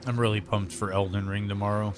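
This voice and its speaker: A man casually commenting on his video game stream in a rambling, relaxed way, eating lunch as he talks. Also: on the low side, fast, background noise. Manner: rambling, relaxed, lots of fillers. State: eating while talking.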